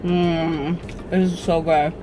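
A woman's voice: low voice, flat delivery, takes it slowly, background noise. A young adult woman vlogging casually, bubbly and gushing, filling her talk with "like" and "you guys". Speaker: lifestyle vlogger. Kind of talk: casual vlog chat. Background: background music.

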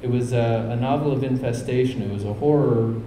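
A man, a comedian guest on a live talk show, tells wry stories at a middle pitch. His voice carries the echo of a theater room, with faint ambient noise underneath. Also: a little fast, dark tone. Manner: wry anecdotes, imitating others with laughs. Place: theater stage with live audience. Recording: roomy theater.

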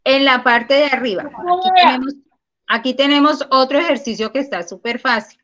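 A woman teaching a primary school math class over a video call, patient and encouraging, counting aloud slowly. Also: sits high, fairly bright tone, lo-fi sound. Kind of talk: online class. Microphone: computer mic on a video call.

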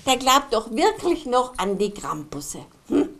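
A woman's voice: a little high, sing-song, unhurried, fairly bright tone, a little hiss or hum, exaggerated voice. A woman with an Austrian German accent voicing Kasperl, a merry male puppet jester, chatting to the children in a puppet show. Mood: chatty. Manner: chatty, talks to the children in the audience.

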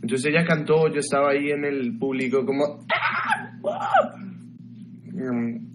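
A young man from Ecuador livestreams from a small bedroom, gossiping casually as he answers viewers' questions. His voice sits at an ordinary middle pitch with fairly even intonation and a slightly slow pace. The webcam mic on his desk picks up a clear hiss of background noise.

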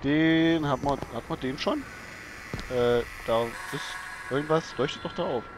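A man's voice: fairly high pitch, measured pace, background noise. Chatty man commenting on a game. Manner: chatty, talks to himself and to the game character. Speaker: let's play host. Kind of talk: casual gaming commentary.

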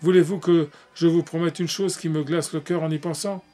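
A man reading the part of an honorable, torn young man who speaks earnestly and gravely to his brother. Faint music plays behind him. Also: a little high, steady tone, fairly quick, dark tone, close to an everyday voice.

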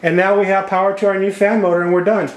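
A man's voice: high voice, little pitch movement, fast, a little hiss or hum. Man explaining wiring at a whiteboard. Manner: plain step-by-step explaining while drawing. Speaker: HVAC repair instructor. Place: indoor room at a whiteboard table. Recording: echoey room sound.

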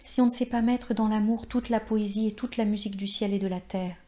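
A woman's voice: mid-range voice, fairly even intonation, fairly quick, warm tone, lightly acted. A woman voicing a dreamy, passionate former actress of sixty-nine in a read-aloud short story. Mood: wistful.

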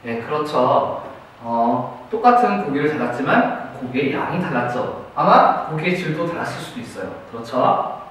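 Heard from a distant mic in a very echoey room with faint noise, a male teacher questions his students and praises their answers. He has a medium pitch, a bit bright, with big pitch swings and a moderate pace.

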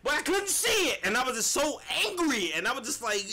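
A man giving a casual, animated movie review, swearing freely and talking straight to his viewers. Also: very high voice, brisk. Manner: animated, swears a lot, addresses viewers as y'all.

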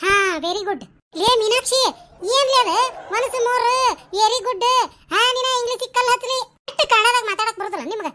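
A woman voicing bickering village women in a cartoon, talking in quick bantering dialect with a North Karnataka Kannada accent. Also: extremely high pitch, pushed and bright, a little hiss or hum. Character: bickering village women, a landlady and her helpers. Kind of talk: cartoon voice acting.

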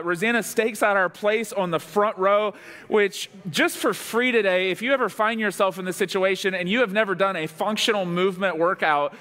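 A male pastor with a high, bright voice. He jokes about himself as he tells a story from the pulpit, lively and full of humor. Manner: animated, self-deprecating storyteller.

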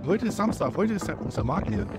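A man's voice: a little high, sing-song, brisk. A man in his thirties chatting casually as a vlogger, recorded at arm's length in an open outdoor square. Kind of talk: casual vlog talk to camera. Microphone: phone at arm's length. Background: loud music.

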